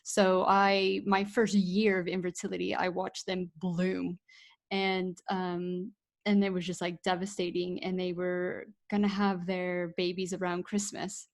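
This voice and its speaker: A woman's voice: on the low side, level tone, a little slow, no room sound. Candid woman podcaster, dry close sound. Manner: candid, emotional, swears casually. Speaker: podcast co-host. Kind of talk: casual podcast chat.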